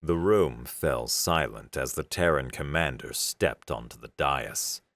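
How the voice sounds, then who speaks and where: Male audiobook narrator, extremely deep voice, slow and expressive, dry close sound. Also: dry recording.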